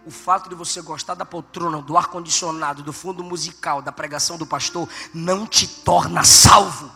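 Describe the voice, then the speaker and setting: A man, a pastor, preaching a sermon with animated storytelling and bursts of shouted emphasis. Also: on the high side, a little fast. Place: church. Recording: church hall reverb, faint background music.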